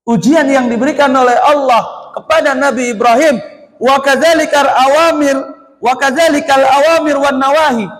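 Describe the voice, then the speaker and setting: A man with an Indonesian accent giving a mosque study lecture, who asks his listeners questions and then answers them himself. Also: very high voice. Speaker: Islamic teacher. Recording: echoey hall.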